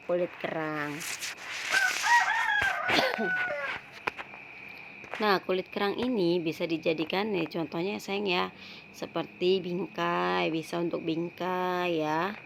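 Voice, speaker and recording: A woman's voice: fairly low pitch, gravelly, background noise. A woman teaching young pupils in a recorded online lesson, affectionately calling them dear and ending phrases with "ya". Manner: calls pupils "sayang", frequent "ya" tags, repeats words. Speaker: primary school teacher.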